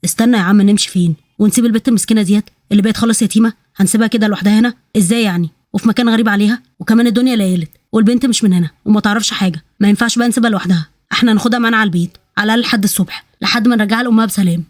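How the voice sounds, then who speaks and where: A woman voicing a soft-hearted but stubborn male thief who speaks Egyptian Arabic. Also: mid-range voice, very fast, hardly any pauses, dry recording, studio quality, lightly acted. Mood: insistent. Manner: insistent, gentle.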